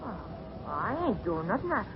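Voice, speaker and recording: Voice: medium pitch, very animated, normal speed, a crowd in the background. A performer playing a timid, chatty young street boy in an old radio drama, slangy and plaintive. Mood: naive, chatty. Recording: muffled, hissy old radio recording.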